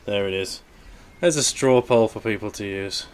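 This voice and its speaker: A man's voice: fairly low pitch, normal speed, noisy background. A man hosting a casual hobby chat, handing questions to the other guests. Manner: relaxed, asks the others questions. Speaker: host.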